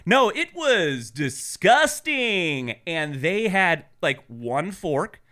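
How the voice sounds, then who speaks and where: A man co-hosting a podcast, telling a rambling story in a casual, animated way with a lot of swearing. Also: high-pitched, drawn-out words. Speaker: podcast co-host.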